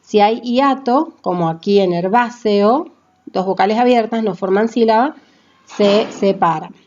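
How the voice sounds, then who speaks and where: A woman's voice: medium pitch, measured pace, a little mellow, dull audio. A woman language teacher explaining grammar in a classroom manner. She spells out letters and syllables one by one and checks in with her listeners.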